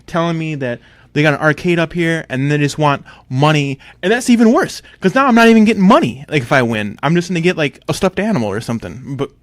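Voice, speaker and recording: Animated man telling excitable stories. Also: on the high side, fast, no room sound. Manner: animated, excitable storytelling with loud outbursts. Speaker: podcast co-host. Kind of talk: casual podcast chat.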